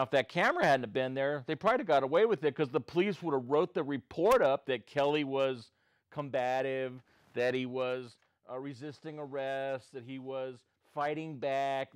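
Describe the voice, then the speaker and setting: A man's voice: medium pitch, no room sound. A man who is a studio guest, speaking earnestly and sounding upset. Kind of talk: studio talk.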